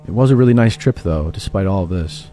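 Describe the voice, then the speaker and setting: A man giving a steady, scripted first-person narration of a true horror story. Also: low voice, a little fast, faint music behind.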